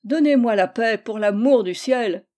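A woman's voice: a little high, unhurried, dark tone, close to an everyday voice. A woman reading the part of a grumbling, put-upon old man of sixty-four in a storybook reading. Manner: complaining, pleading.

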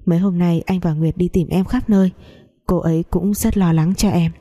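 A woman voicing a guilt-ridden young man who speaks softly and slowly to calm his lover. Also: on the low side, natural voice. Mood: soothing.

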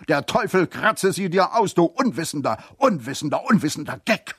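A man voicing a raging drunken man who screams curses and rants in a high, cracking voice. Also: sing-song, moderate pace, slightly rough, no room sound, clean studio sound. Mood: furious ranting. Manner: shrieking, ranting, cursing. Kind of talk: dramatized reading.

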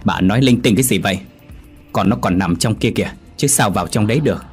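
A man voicing a gentle grieving father-in-law. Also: on the low side, quick pace, husky, soft background music. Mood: soothing. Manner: soft, pleading, soothing.

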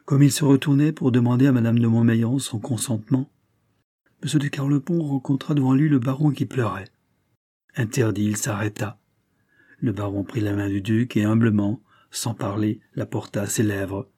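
A man narrating a classic novel in a measured, dramatic reading. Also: medium pitch, steady tone, warm tone, slightly rough. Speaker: audiobook narrator.

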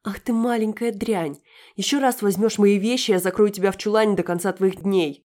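A woman's voice: mid-range voice, fairly even intonation, normal speed, darkish tone, voice pushed up, natural voice. A woman reading an audiobook, voicing a spoiled, hot-tempered young woman who shrieks indignantly. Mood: shrieking.

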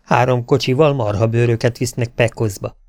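A man's voice: mid-range voice, steady tone, a little mellow, no echo, clean studio sound, close to an everyday voice. A man voicing a proud, self-assured young male rancher in an audiobook. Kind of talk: audiobook dialogue.

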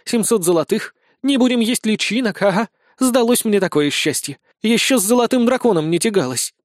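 Guy doing a loud bossy adventurer girl, squeaky high, dry close audiobook sound. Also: normal speed, no room sound, natural voice. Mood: shrill. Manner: shrill, excited outbursts. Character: brash young female adventurer, loud and bossy.

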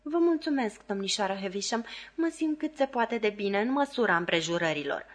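Reading an audiobook, a woman voices Camila, a fragile lady full of self-pity who sighs and stretches out her complaints. Her mid-range voice is expressive yet close to everyday speech, and the mood is plaintive and drawn-out.

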